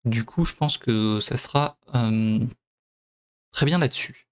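A man's voice: medium pitch, slow pace, smooth. A man from France giving casual gameplay commentary as host, hesitant with many fillers and restarts. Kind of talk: casual let's play commentary.

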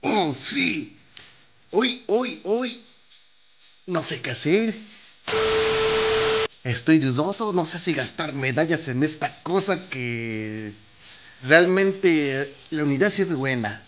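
A young man with a Mexican Spanish accent giving casual, excitable commentary over a mobile game, yelping, groaning and swearing as he spends in-game currency. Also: fairly high pitch, slow pace. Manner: excitable, nervous, yelps and groans, swears freely.

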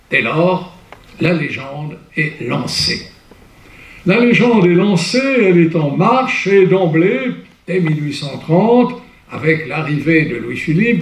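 An older man gives a public lecture, taking his time and lending the tale lively, storytelling feeling. His voice sits a little high for a man. He is picked up from some way off in a reverberant hall. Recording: roomy hall, mic at a distance.

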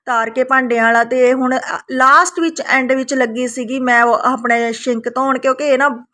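A woman's voice: high voice, fairly even intonation, moderate pace, bright, forceful tone. A woman with an Indian Punjabi accent narrating a casual family vlog to viewers, chatty and full of little tag questions. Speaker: family vlogger.

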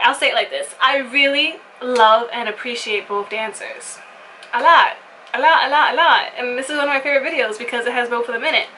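A woman hosting a casual dance reaction video, cheering excitedly at moves and chatting to viewers with lots of repeats and restarts. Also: fairly high pitch, a little hiss or hum, low-quality recording.

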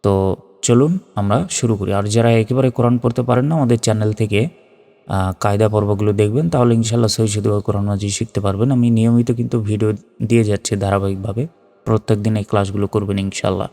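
A man teaching Quran reading, spelling out letters and vowel marks one by one and then chanting each word slowly. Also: on the low side, steady tone, vocal fry, dark tone, in a large hall, faint music behind. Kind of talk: step-by-step recitation lesson.

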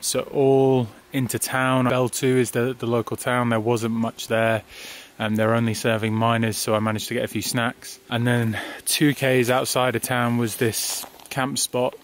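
A man's voice: mid-range voice, little pitch movement, unhurried, few pauses. Tired man filming himself outdoors. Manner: chatty, laughs often, self-filming. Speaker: touring cyclist vlogger. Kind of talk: casual video diary. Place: outdoors by a highway.

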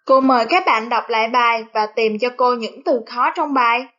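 A woman primary school teacher with a Southern Vietnamese accent, giving a recorded reading lesson in a slow, careful, over-articulated classroom manner. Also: a little high, bright, forceful tone. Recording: dull lo-fi recording.

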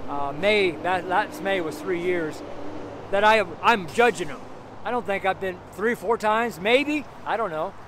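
Standing by a busy road with traffic noise around, a middle-aged man delivers an outdoor sermon in a high voice, captured by a camera facing him at medium distance. He reads scripture in a slow, deliberate way, hammers his points home through repetition, and keeps asking "right?"

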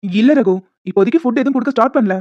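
Woman doing the guys in a cartoon family, fast and reassuring, dry dull sound. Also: a little high, no room sound, close to an everyday voice. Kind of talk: homemade animated family story. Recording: dry, dull lo-fi home mic.

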